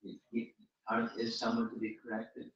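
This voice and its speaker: A man, a spiritual teacher, giving an informal religious talk and answering questions. He speaks haltingly and often repeats and restarts his words. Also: mid-range voice, fairly bright tone. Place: room at a home gathering. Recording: roomy, distant, dull recording.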